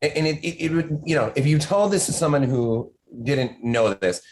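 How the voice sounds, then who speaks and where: A man's voice: a little high, moderate pace, a little mellow, slight background noise, rough recording. A man who writes horror, a podcast guest talking in casual chat, rambling and restarting his sentences often.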